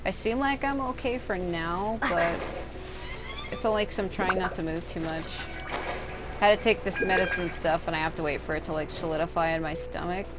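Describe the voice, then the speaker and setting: Over background video game music, a female streamer rambles casually through her gameplay commentary, seeming slightly tired and unwell. Her voice sits on the low side and the recording is rough.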